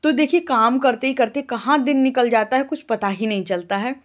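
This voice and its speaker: A woman's voice: fairly high pitch, a little fast. Chatty young woman vlogger from Uttar Pradesh. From Uttar Pradesh, India. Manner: rambling, homely and talkative, with frequent "अ" fillers. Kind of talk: casual chatty vlog narration.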